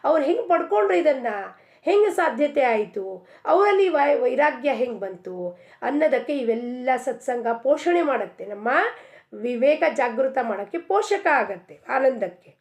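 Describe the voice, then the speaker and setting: A woman's voice: sits high, expressive, normal speed, darkish tone. A woman giving an earnest devotional discourse, asking many rhetorical questions. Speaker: spiritual speaker.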